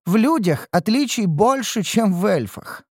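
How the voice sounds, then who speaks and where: A man voicing a sharp-tongued, mocking young woman in an audiobook. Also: high-pitched, big pitch swings, measured pace, breathy edge, no echo, studio quality, pitched above the performer's own voice, heavily acted.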